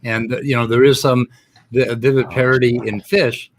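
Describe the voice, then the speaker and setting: A man hosting a casual online panel chat, speaking in a brash, animated way. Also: mid-range voice, moderate pace, slight background noise, rough recording.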